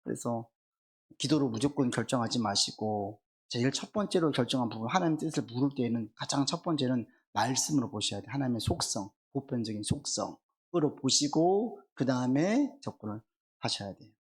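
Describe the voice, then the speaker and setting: Male pastor, husky voice, midweek sermon, reads scripture then explains it plainly. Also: mid-range voice, animated, brisk. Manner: preaching verse by verse, reading scripture aloud then explaining it conversationally. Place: church sanctuary.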